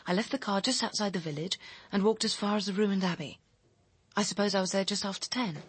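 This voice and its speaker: A British actress voices a secretive, bitter young personal assistant in a radio crime drama, guarded and confiding yet still pressing, cutting, articulate and persuasive. Her medium-pitched, husky voice moves fast and sounds close to everyday speech, with no room sound.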